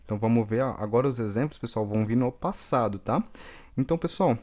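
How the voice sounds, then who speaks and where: A man's voice: medium pitch, lively intonation, fast talker, warm tone. A man from Brazil with a Brazilian Portuguese accent teaching English vocabulary, repeating each word and checking in with the class. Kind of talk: bilingual vocabulary lesson.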